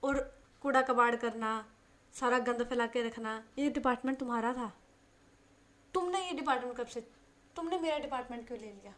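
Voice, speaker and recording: Woman reading as a playful young woman who teases, animated and a bit high, storybook heroine. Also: brisk, pauses often, lightly acted. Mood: teasing. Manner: animated, mock-offended.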